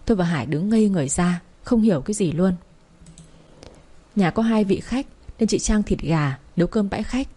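Woman, storyteller, mellow, husky, lively first-person reading. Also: mid-range voice, brisk. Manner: lively, acting out dialogue.

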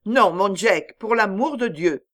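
A woman's voice: medium pitch, big pitch swings, measured pace. A woman reading an audiobook, voicing a pale, frightened young wife who pleads urgently with her husband. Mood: pleading.

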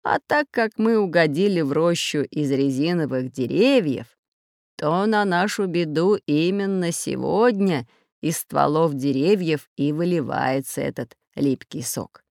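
A patient older geographer from a storybook, played by a narrator, lecturing slowly in a lowered voice. His tone is slightly gravelly. The recording is close and dry. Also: animated, a little mellow, no room sound. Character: learned older male geographer professor, patient.

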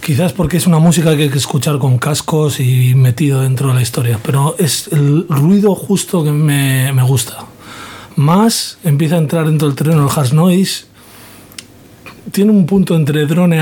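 A man's voice: fairly high pitch, warm tone. A man from hosting a music radio show, talking in a rambling, informal way and often correcting himself. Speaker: radio host. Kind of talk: casual radio show chat.

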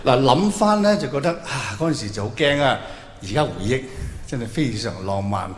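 On stage in a large hall, a man with a Hong Kong Cantonese accent delivers a nostalgic stand-up monologue in a medium-pitched, animated voice at a moderate pace. His style is colloquial, and he teases the crowd with rhetorical questions. The live recording is echoey, with faint noise.

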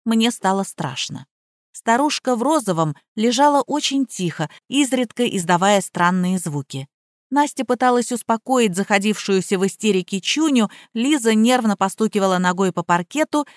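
A woman's voice: medium pitch, expressive, moderate pace, no room sound, clean studio sound. Woman narrating a first-person audiobook.

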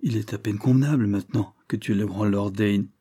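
A man voicing a chattering young woman, a lord's sister, with a twittering little voice that gushes on without pause. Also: fairly low pitch, steady tone, warm tone, husky. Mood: pleading.

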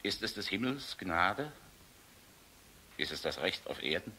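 A middle-aged general in a radio drama, proud, sardonic and weary. His voice is deep and forceful, swinging widely from grave, measured lines to barked command. The recording is an old, slightly noisy one. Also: very animated, exaggerated voice. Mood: grave, subdued. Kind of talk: German radio play acting.

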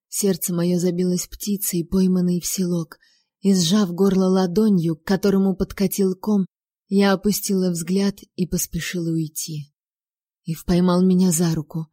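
Low, mellow woman narrating a story. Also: no room sound, clean studio sound. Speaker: audiobook narrator. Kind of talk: first-person scripted narration.

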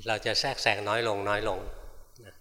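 A male monk giving a fast, direct dharma talk and answering questions from the audience. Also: fairly low pitch, flat delivery, pushed and bright, big-room sound. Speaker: meditation teacher monk. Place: large meditation hall.

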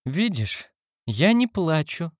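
A man's voice: mid-range voice, very animated, slow, dark tone, dry recording, studio quality, pitched above the performer's own voice. A man reading an audiobook, voicing a nervous, tearful woman who whimpers and gets flustered. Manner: whiny, flustered. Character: nervous, tearful adult woman, friend and host.

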